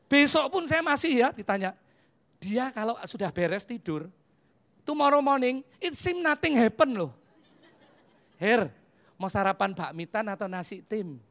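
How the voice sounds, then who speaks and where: A preacher with a Javanese accent tells personal stories from the pulpit, acting out both sides of little conversations. The delivery is lively and playful, with English phrases slipped in, and carries the ease of someone in their fifties. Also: mid-range voice, unhurried, pauses often. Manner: animated storyteller who acts out dialogues and mixes in English phrases. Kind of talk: humorous sermon with personal stories.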